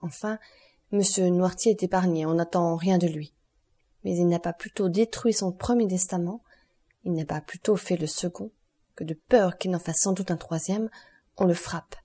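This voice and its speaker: A woman reading the part of a stern, relentless male doctor, solemn and accusing in a measured way. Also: fairly low pitch, mellow, husky.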